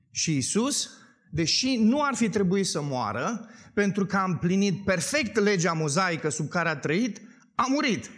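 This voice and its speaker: High-pitched guy preaching in church, emphatic, keeps asking the congregation stuff. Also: a bit bright. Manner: emphatic, asks the congregation questions. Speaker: pastor. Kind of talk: sermon.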